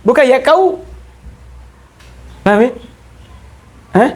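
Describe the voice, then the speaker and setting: Slow, patient male teacher. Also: very high voice, expressive. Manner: keeps checking that students understand; explains step by step, repeating key terms. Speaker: Arabic grammar teacher. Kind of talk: classroom lecture.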